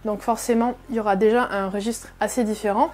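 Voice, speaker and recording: A woman's voice: medium pitch, steady tone, fast, a little mellow. A woman hosting a reaction video, explaining casually with many fillers and frequent restatements. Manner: chatty, many fillers and repeated "effectivement".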